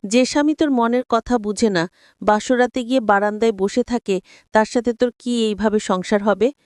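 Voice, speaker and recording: A woman's voice: on the high side, moderate pace, darkish tone, dry recording, studio quality, natural voice. A woman voicing the narrator's playful, teasing young female best friend in a spoken story. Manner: playful, giggly.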